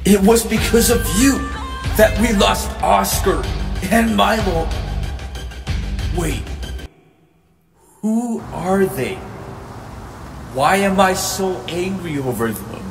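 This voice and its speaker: A man's voice: sits high, expressive, slow, creaky, long pauses, roomy sound, in a large hall, distant mic, full character voice. A man voicing a young cartoon cat hero who is earnest, emotional and full of self-doubt. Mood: upset. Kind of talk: animated web series dialogue. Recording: music behind the voice.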